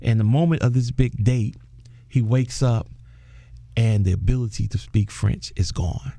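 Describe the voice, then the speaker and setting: A man's voice: mid-range voice, measured pace, vocal fry, dry recording. A man, a film director guest in a casual interview, telling a story with animation and laughing often. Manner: animated storyteller, acts out quoted voices.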